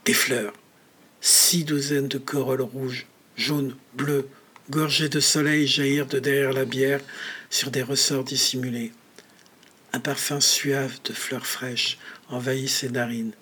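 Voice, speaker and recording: A man narrating a story in a measured manner, often dropping to a whisper. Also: mid-range voice, pushed and bright, husky. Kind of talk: audiobook story reading.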